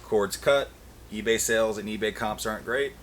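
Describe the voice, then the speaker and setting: Hosting a hands-on e-waste teardown, a man speaks to the camera casually and plainly, explaining as he works. His voice is on the low side at a normal speed, and the recording has clear background noise with handling clicks.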